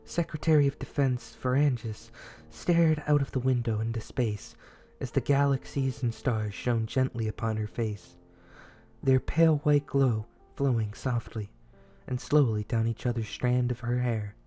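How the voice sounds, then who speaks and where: A young man voicing a shy, dutiful young male general who reads a bedtime story aloud in a whispered role-play, soft, earnest and easily flustered. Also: medium pitch, steady tone, a little slow, soft background music, close to an everyday voice. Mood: gentle storytelling.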